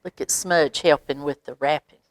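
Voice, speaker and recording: A woman with a low voice, captured without echo, works as a library storyteller reading a picture book to kids. Her delivery is expressive, broken by pauses for asides and questions aimed at the young audience.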